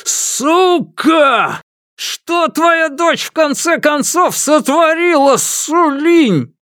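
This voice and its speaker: A drunk, desperate father whose voice climbs well above normal speaking pitch, hoarse and breathless as he pushes words out. A man acts him out in a dry, close reading. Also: takes it slowly, dry recording. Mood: frantic.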